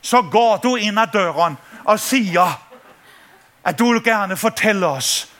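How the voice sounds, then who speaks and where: A man from Denmark preaching a sermon, telling a story and acting out the voices in it with lots of energy. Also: high-pitched. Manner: animated, acts out voices in his stories, laughing often. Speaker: pastor.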